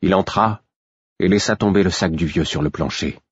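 Low husky guy reading a story in first person, steady pace, dry dull lo-fi sound. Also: moderate pace, no room sound. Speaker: audiobook narrator. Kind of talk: first-person audiobook narration.

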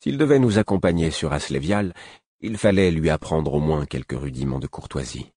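A male audiobook narrator with a very deep, husky voice reads a first-person novel. His delivery is measured and even. The recording is dry and close, with no room sound. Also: no echo.

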